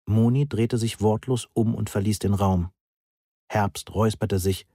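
A man reading a novel aloud in the first person in an even, measured way. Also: lowish voice, dry recording, clean studio sound. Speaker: audiobook narrator.

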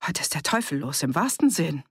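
A woman reading a busy male innkeeper in a dry audiobook recording, voiced hurried and confiding. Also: low voice, big pitch swings, husky, no room sound, exaggerated voice.

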